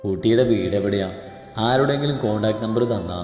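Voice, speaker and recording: A man voicing a kind, concerned older man who speaks calmly and reassuringly, in a story reading. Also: fairly low pitch, fairly quick, voice pushed down, natural voice. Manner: calm, reassuring. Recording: echoey reverberant audio with music.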